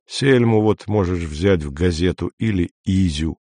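Weary, clipped man in an audiobook, voiced by the male narrator; low and subdued, dry. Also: a little slow, warm tone, no room sound. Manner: low, tired and curt. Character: weary, curt grown man under strain.

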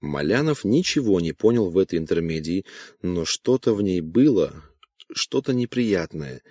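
Low-voiced man narrating an audiobook. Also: very animated, moderate pace, dark tone, husky, no room sound, studio quality.

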